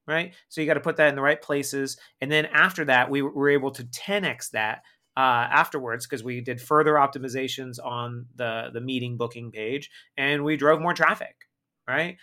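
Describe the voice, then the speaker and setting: A guest marketing expert on a podcast, this man speaks at a normal speed in a mid-range voice. He's energetic and emphatic, frequently ending his points with a tag question: "right?"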